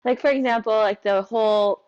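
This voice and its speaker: A woman's voice: a little high, steady tone, brisk, a little mellow. Friendly woman chatting as a podcast guest, lots of ums, kinda lo-fi dull audio. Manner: cheerful, chatty, frequent fillers and laughter. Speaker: guest photographer. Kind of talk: casual interview.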